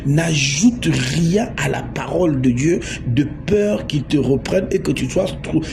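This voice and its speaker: A man from Congo preaching a sermon, emphatic, repeating words and asking his listeners questions. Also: a little high. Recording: noisy background.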